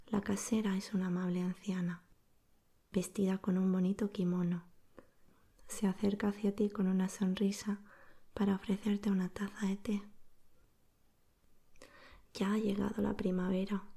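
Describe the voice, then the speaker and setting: A woman narrates a bedtime story in a soft, breathy whisper. Her tone is mellow and very even, with little rise or fall. The delivery is soothing, hushed ASMR storytelling. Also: medium pitch, unhurried, pauses often.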